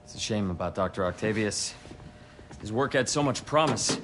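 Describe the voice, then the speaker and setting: An actor playing a measured, courteous middle-aged male doctor in a video game, speaking formally and deliberately. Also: fairly low pitch, lively intonation, noisy background, natural voice. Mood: regretful. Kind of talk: video game dramatic acting.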